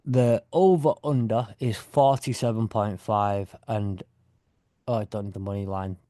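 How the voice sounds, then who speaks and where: Rambling, jokey British podcast host. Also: male voice, on the low side, steady tone, a little slow, mellow, dry recording, studio quality. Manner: rambling, jokey, self-correcting. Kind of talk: casual chat.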